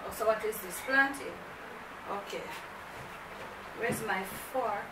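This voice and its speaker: A woman's voice: medium pitch, slow pace. A woman with a Jamaican accent hosting a mukbang vlog, chatting to camera and slipping into patois. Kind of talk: casual chat to camera. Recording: echoey room, mic far off, faint noise.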